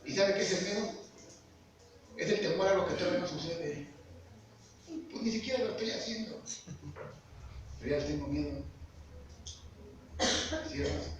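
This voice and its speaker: A man's voice: sits high, moderate pace, pauses often, crowd noise. A man preaching a sermon, earnestly asking the congregation questions. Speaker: lay preacher. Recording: echoey hall, far-off mic, background noise.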